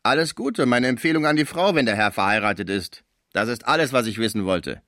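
A man voicing a coarse, suspicious, mannish old housekeeper woman who talks loudly and bluntly. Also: mid-range voice, lively intonation, fairly quick, no room sound, clean studio sound, close to an everyday voice. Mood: curt. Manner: loud and blunt.

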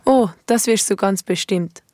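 A woman's voice: medium pitch, unhurried, mellow, slight background noise, close to an everyday voice. A woman voicing a cryptic, teasing grinning cat in a children's fantasy radio play.

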